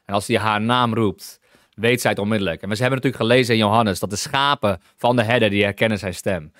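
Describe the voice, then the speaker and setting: A man's voice: lowish voice, quick pace, a bit bright, no room sound, clean studio sound. A man teaching through a Bible passage, enthusiastic, often breaking into hallelujah and restarting sentences as he explains scripture. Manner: many restarts while reading and explaining scripture.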